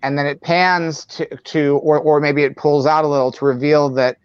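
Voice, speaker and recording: A man doing casual improvised comedy, halting and repeating phrases as he builds the bit. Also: a little high, flat delivery, clean tone, no echo. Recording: dull, dry lo-fi audio.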